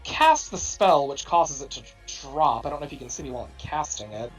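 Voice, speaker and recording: A woman with a low, husky voice and lively intonation chats as a tabletop game player. She sounds casual and conversational, over faint music. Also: a little fast, poor audio.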